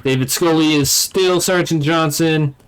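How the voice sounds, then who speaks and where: A man's voice: on the high side, fairly even intonation, a little slow. A man giving casual, conversational commentary as a let's play host. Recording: game noise behind the voice. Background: video game sound.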